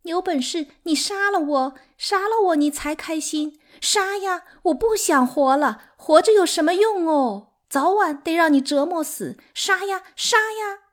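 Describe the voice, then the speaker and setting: A woman's voice: extremely high pitch, lively intonation, unhurried, few pauses, voice pushed up. A woman voicing a hysterical, sobbing concubine who screams her lines in an audiobook. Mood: wailing hysterical.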